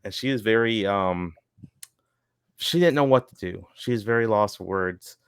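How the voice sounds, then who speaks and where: Smooth low-voiced man, casual podcast host. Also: moderate pace, no room sound, studio quality. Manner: rambling, lots of fillers and chuckles. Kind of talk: casual recap chat.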